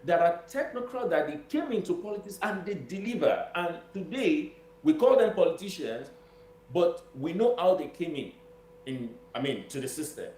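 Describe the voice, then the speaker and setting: A man with a Nigerian accent offers emphatic political commentary as an interview guest, repeating phrases for stress. His high voice is sing-song and a little mellow at a normal speed, recorded in a roomy echo with noise and hum.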